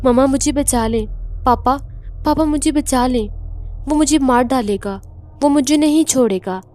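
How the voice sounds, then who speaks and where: A terrified young woman begs her parents for help in a horror tale, as a woman reader voices her. Her high voice stays panicked. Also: darkish tone, lightly acted. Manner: panicked, pleading.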